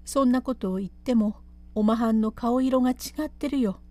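A woman reading as an anxious attendant from an old pleasure house, pleading and coaxing in courtesan speech, her voice pitched a little high. The tone stays mellow and dark, hushed and urgent, as in a classic told tale. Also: moderate pace, no echo, lightly acted. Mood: hushed, urging.

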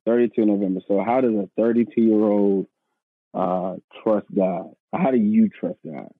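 A pastor in his thirties, appearing as a podcast guest, tells his story earnestly and casually, often repeating himself and calling the host "man" or "bro." His voice sits on the low side with fairly even intonation and a normal pace. The recording has no echo but a tinny, phone-line quality.

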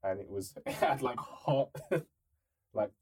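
A man's voice: medium pitch, lively intonation, slow, darkish tone. Easygoing young man, mid voice. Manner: easygoing, laughs through his stories, uses slang like "bruv". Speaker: podcast co-host. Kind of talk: casual chat.

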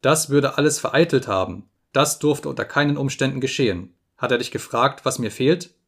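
A man reading an audiobook, voicing a gravely ill detective who speaks weakly but gives urgent orders. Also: mid-range voice, normal speed. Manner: urgent, insistent, giving orders. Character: sick feverish detective, weak but commanding.

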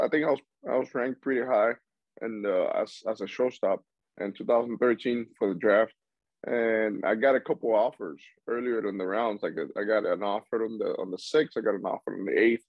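A young Cuban baseball player, with a fairly low voice, chats casually as an interview guest, rambling with frequent restarts and laughs. The recording is dry and muffled.

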